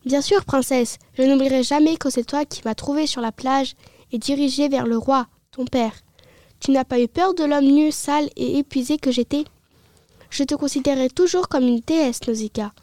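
Fiery middle-aged hero read by a woman, emphatic, high voice, warm tone. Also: normal speed, no room sound, natural voice. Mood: tender. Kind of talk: reading a story aloud.

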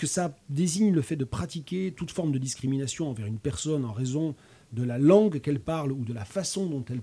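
Hesitant man in his fifties, mellow voice. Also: mid-range voice, husky. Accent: French regional accent. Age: 50s. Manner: hesitant, many fillers and restarts. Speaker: host. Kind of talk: casual chat.

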